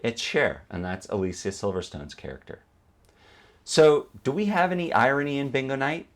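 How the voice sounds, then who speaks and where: Lively intonation and a normal speaking speed mark this man's mid-range voice. He's a film editing instructor narrating a how-to video in a teacherly way, breaking things into steps and posing questions he goes on to answer.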